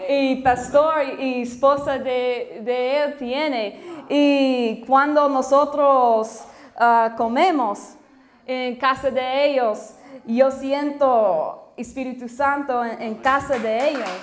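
A woman's voice: sits high, steady tone, slow pace. A woman preaches in imperfect, as a visiting missionary, hesitating and repeating phrases as she searches for words. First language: English. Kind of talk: halting church sermon in imperfect Spanish. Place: village church before a congregation. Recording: live church crowd, background noise.

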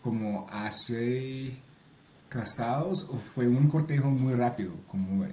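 A man from Canada, a native English speaker, answering as a podcast guest in halting Spanish with a North American English accent and grammar slips. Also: medium pitch, warm tone, echoey room, a little hiss or hum. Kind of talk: casual interview answers.

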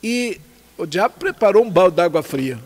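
A Brazilian Portuguese-accented man tells his story in a relaxed, chatty way, often laughing and acting out the other people's lines. His voice sits high and swings widely, and there is a faint hiss behind him. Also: normal speed. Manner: laughs often, acts out dialogue. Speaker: guest telling his testimony. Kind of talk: casual storytelling.

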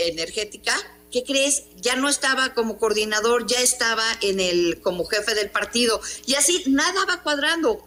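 A woman's voice: medium pitch, bright, forceful tone, slight background noise. A woman with a Mexican Spanish accent, a newspaper columnist answering interview questions in an emphatic, combative way, throwing in rhetorical questions.

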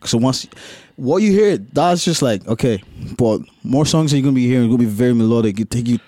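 A man's voice: medium pitch, expressive, a little fast, dark tone, no room sound. A man from Benin in Nigeria with a Nigerian accent, chatting casually as a musician guest in an interview, with slangy, interjected talk.

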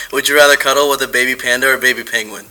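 A man hosts a casual podcast, laid-back and joking, full of slang. His mid-pitched voice comes across bright and forward. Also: fairly even intonation, fast talker, low-quality recording. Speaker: podcast host.

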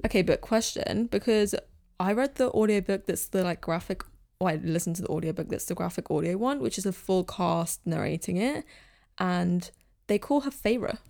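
Gravelly young woman, relaxed. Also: on the low side, normal speed. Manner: relaxed storyteller, rambling asides. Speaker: podcast co-host. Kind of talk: casual chat.

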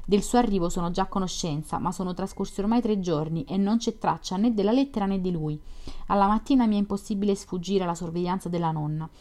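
A woman's voice: medium pitch, quick pace, warm tone, natural voice. A shy, emotional young woman from a storybook, as a woman reads her aloud, impatient and hopeful. She speaks in an eager, pleading rush.

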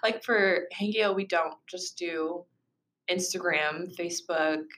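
A young woman co-hosting a podcast, talking in a relaxed, measured way with many fillers. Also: on the low side, echoey room. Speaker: podcast co-host. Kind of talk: casual podcast chat.

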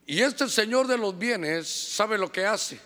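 Animated high-voiced Honduran pastor preaching. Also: male voice, takes it slowly. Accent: Honduran Spanish. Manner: animated preaching, acting out church members' voices. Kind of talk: sermon. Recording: long hall reverb.

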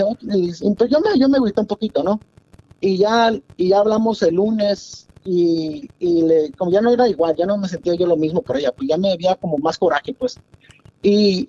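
A caller with a high, mellow male voice phones in to a radio show over a dull phone line. He rambles through a long confessional story.

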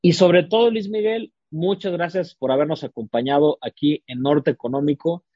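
Podcast host, man, hesitant with fillers, warm dark tone. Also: on the high side, steady tone, normal speed, slightly rough, no echo, muffled recording. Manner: hesitant, many fillers and restarts. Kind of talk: casual book-recommendation chat.

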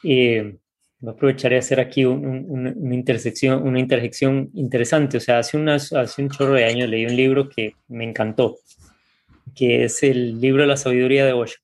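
A man's voice: mid-range voice, fairly even intonation, fairly quick, darkish tone. Reflective male host. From Costa Rica. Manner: reflective, often tags with ¿verdad?. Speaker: podcast host. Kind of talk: casual interview.

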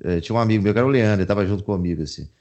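A man's voice: on the low side, racing, lo-fi sound. A Brazilian man, a musician, talking casually in an interview, with many fillers and laughs. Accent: Brazilian Portuguese. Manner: animated, laughing, lots of fillers. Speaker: musician guest.

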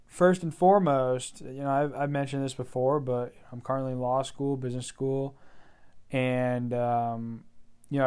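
A man's voice: mid-range voice, clear, resonant tone. A young man in his twenties hosting his own vlog, talking casually and rambling with many fillers and restarts. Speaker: vlog host. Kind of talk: casual solo vlog monologue.

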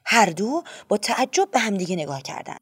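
A woman narrating a children's storybook in a gentle, steady, expressive way. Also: mid-range voice, husky, no room sound. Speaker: audiobook narrator.

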